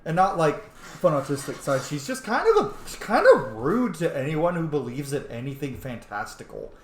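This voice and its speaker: A gamer commentates his own playthrough casually and informally, adding explanatory asides and some swearing. His voice is on the high side and sing-song at normal speed, with a reverberant sound.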